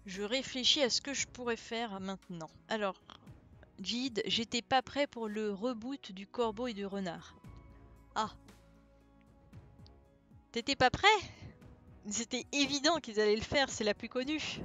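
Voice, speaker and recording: Relaxed woman streamer chatting, faint music. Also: on the high side, measured pace, pauses often. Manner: relaxed, thinking aloud with many fillers. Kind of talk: casual live-stream chat and read-aloud. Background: faint background music.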